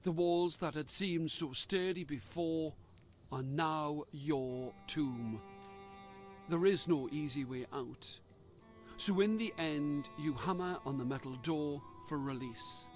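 A man reading a dark gamebook aloud in a slow, measured storytelling manner. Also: a little high, soft background music. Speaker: narrator.

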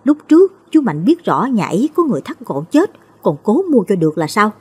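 Storybook figure: a questioning young woman, urgent and husky, with a lively swing, read by a woman narrator. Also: mid-range voice, a little fast, pitched above the performer's own voice. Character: anxious young woman of the family.

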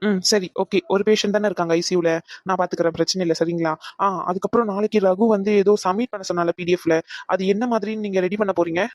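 A woman's voice: medium pitch, steady tone, quick pace, a little mellow, no room sound, dull audio, close to an everyday voice. A woman voicing a practical hospital doctor in a cartoon dub, matter-of-fact in tone.

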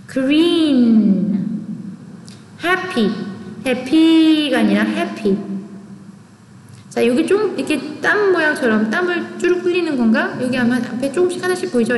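A woman teaching English pronunciation in an online lecture, chatty and lively, often asking questions and answering them herself. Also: high voice, a little hiss or hum. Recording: echoey room with long reverb.

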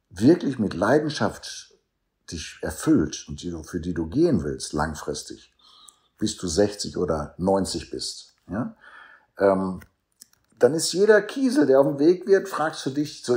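A man's voice: low voice, a little mellow. A middle-aged man coaching men in a motivational monologue, emphatic and preachy, talking straight to the listener. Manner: emphatic, preachy, addresses the listener directly with frequent "ja?". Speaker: men's coach.

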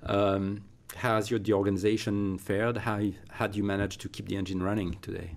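A man's voice: lowish voice, level tone, a little fast, gravelly. A man interviewing a guest, speaking with many fillers and restarts in a studio. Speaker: interviewer, consultant. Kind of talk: conversational interview. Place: recording studio.

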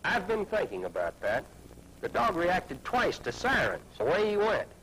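An actor playing a practical, kind man in a 1960s family film, speaking in a brisk, earnest manner. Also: high-pitched, huge pitch swings, a bit bright, slight background noise, full character voice, rough recording. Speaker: adult helping search for a lost dog.

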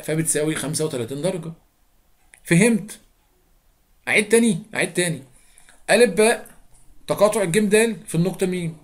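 A young man with an Egyptian Arabic accent teaching a geometry lesson, chatty, repeating steps and quizzing his students. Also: high-pitched. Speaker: math teacher.

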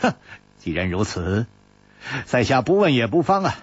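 Man doing a calm, courteous gallant hero. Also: mid-range voice, husky, dry recording. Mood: amused. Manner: unhurried and courteous. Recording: dull lo-fi audiobook recording.

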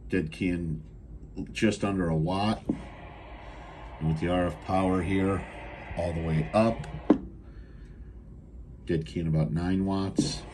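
Standing at a radio bench indoors, a male American seller shows off a restored CB radio. His voice is low and easygoing, his delivery unscripted, plain and a little halting. The recording comes from a handheld camera mic in a slightly noisy room.

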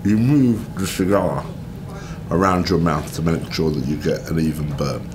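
A man's voice: rumbling low, moderate pace, background noise. A man who owns a cigar shop, explaining cigar smoking in casual talk with a cigar in his mouth, his words muffled by it. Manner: conversational, tags points with "right?".

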